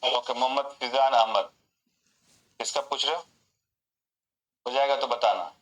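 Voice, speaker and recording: A man's voice: mid-range voice, unhurried, fairly bright tone. Man teaching mnemonics in an echoey room. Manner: repetitive, call-and-response mnemonics. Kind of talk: online class lesson. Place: home room.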